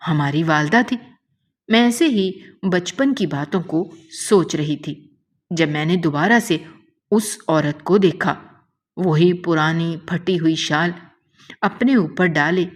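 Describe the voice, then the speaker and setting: Woman storyteller, first-person emotional narration, earnest, lower register.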